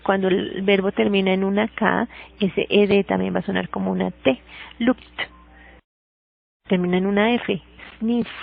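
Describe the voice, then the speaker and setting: A woman's voice: medium pitch, vocal fry, breathy edge. A woman with a Colombian accent teaching an English grammar lesson, who explains each rule twice in two languages and keeps checking that students follow. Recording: tinny phone-like sound.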